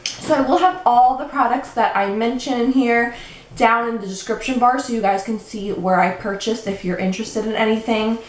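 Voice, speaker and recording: A woman's voice: fairly high pitch, normal speed. A young woman vlogging at home, chatty and a little out of breath as she explains things step by step. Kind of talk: casual show-and-tell vlog. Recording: echoey room with faint background noise.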